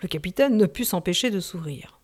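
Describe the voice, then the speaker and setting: Woman reading a sea novel aloud. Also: fairly low pitch. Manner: measured, expressive reading. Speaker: audiobook narrator. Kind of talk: scripted narration of a novel.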